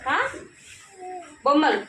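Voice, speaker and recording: A woman's voice: slow, echoey room. A woman filming a casual home video, teasing her child and repeating her questions over and over. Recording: loud background noise.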